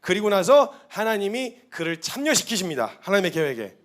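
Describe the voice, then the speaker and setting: With a high voice and a brisk pace, a male missionary gives a sermon to seated churchgoers. His storytelling is animated, and he acts out each piece of dialogue he quotes.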